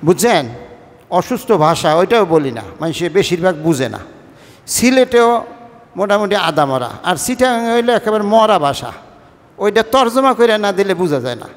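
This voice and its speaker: This imam from the Barishal-Patuakhali region of Bangladesh delivers a Friday sermon in Barishal-tinged Bengali, blending colloquial and formal speech and repeatedly putting questions to the congregation. His voice is high-pitched and animated, at normal speed with long pauses, and it sounds like a big room.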